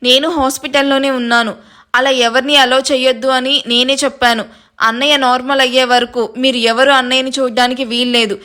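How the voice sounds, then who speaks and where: Woman doing a young man, stern, protective, scolding, high voice. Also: little pitch movement, fairly quick, sharp tone. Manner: firm, scolding.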